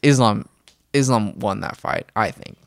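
A man's voice: lowish voice, unhurried, gravelly, no room sound. A young man hosting a podcast in casual chat, rambling and laughing often. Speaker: podcast host.

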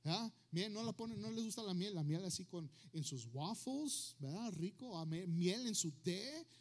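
High-voiced, slow-speaking preaching pastor. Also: male voice, expressive. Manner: switches between Spanish and English, asks the crowd questions. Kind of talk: bilingual sermon, preaching to a congregation.

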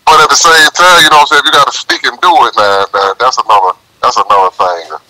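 A man's voice: mid-range voice, fast, sharp tone, low-quality recording. A man calling in over a speakerphone, chatting casually and in slang, often asking "you know what I'm saying". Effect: heard over a speakerphone. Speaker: caller. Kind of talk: casual call-in chat.

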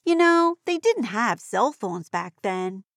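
A woman voicing an excitable young girl in a children's audio story, with a broad, singsong, exclamatory children's-theatre delivery. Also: a little high, takes it slowly, no room sound, clean studio sound, exaggerated voice. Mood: chatty. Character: Jazzy, excitable young girl tourist who loves cats.

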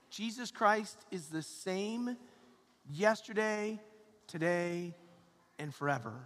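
High-voiced male priest preaching in reverberant church. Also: pushed and bright. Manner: dramatic pauses and repeated phrases, colloquial asides. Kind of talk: homily. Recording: long church hall reverb.

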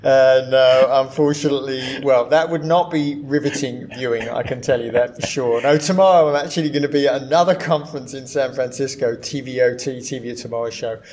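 Male analyst, echoey room at a conference venue, measured podcast chat, mid-pitched voice. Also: steady tone, darkish tone. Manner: measured and chatty, with frequent "uh" pauses. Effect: echoey room sound. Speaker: podcast co-host and video industry analyst.

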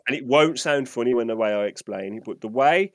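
Speaking a little fast in a medium-pitched voice, a man co-hosting a gaming podcast rambles through an enthusiastic story in a casual, chatty way, with no audible room sound.

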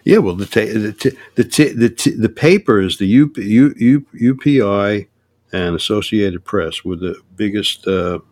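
Halting older man, low dry voice. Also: a little mellow, dry recording. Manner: halting, many restarts and fillers. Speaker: guest on UFO topics. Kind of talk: casual podcast conversation.

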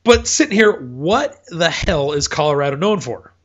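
A man with a slightly high voice hosts a loose, rambling sports chat, often stopping to correct himself. He has the hiccups. The sound is dull and lo-fi. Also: very animated, normal speed. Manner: rambling, self-correcting, chatty. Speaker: podcast host.

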